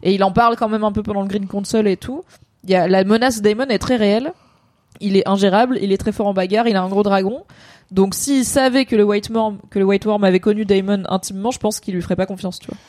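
A woman co-hosting a stream debriefing a TV episode, chatting casually with quick digressions and many fillers. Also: medium pitch, steady tone, darkish tone, no echo. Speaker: co-host of a series debrief stream. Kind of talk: casual chat.

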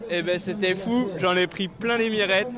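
A man at an outdoor festival giving a quick, enthusiastic and emphatic reaction as a spectator. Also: high voice. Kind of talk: vox pop. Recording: crowd noise around the voice. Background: crowd.

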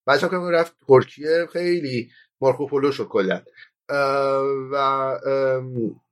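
A man giving casual football analysis on a podcast, often pausing with filler sounds and restarting his sentences. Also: mid-range voice. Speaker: football pundit.

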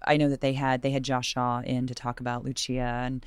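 Woman, low voice, husky with vocal fry, clean close dry sound, conversational. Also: little pitch movement, a little fast, no room sound. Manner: chatty, conversational. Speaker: radio host and classical singer, being interviewed. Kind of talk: casual chat.

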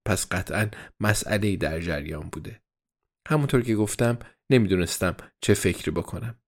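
A man with a somewhat low voice narrates a story as a first-person diary. His delivery stays measured and even, in the manner of a scripted audiobook reading.

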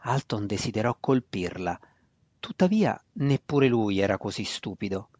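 A man's voice: fairly low pitch, expressive, normal speed, darkish tone, no room sound. A man narrating a fantasy novel as a reader. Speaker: audiobook narrator. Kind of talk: scripted narration. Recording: dry, dull lo-fi recording.

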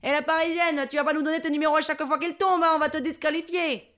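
Woman putting on brash bingo regulars, high, shouting banter. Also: steady tone, fast talker. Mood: mocking. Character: loud teasing southern French men at a bingo.

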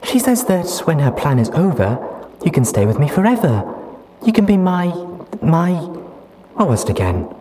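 A man voicing a bubbly, naive young female pony who gushes loudly in a storybook reading. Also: a little high, very animated, moderate pace, a little hiss or hum, pitched above the performer's own voice. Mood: gushing. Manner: gushing and loud.

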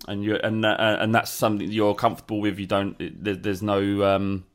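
Brief male podcast host, fairly low voice, interviewing a guest, halting and careful phrasing. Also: level tone. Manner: hesitant, halting questions.

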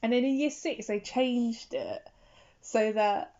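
A woman's voice: on the high side, slow, a little mellow. Young woman just chatting, lots of "like", kinda dull lo-fi audio. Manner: rambling, filler-heavy, restarts often. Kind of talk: casual chat.

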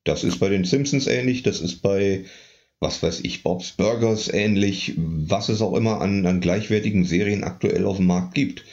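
A man's voice: sits low, normal speed, a little mellow, muffled recording. A man co-hosting a casual discussion podcast, arguing his points firmly and emphatically. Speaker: podcast co-host.

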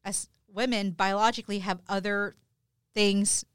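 A woman from California, a DJ guest, talking in a casual podcast conversation, animated and quick to correct herself mid-sentence. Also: medium pitch, clean tone, no room sound, clean studio sound. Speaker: guest DJ and events manager.

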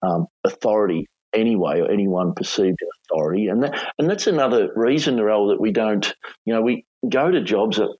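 Middle-aged Australian male interviewee, low husky voice, casual halting storyteller, dull sound. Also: animated, darkish tone. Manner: hesitant, halting, casual phrasing. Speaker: former police hostage negotiator, interview guest. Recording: dull, echoey room recording.

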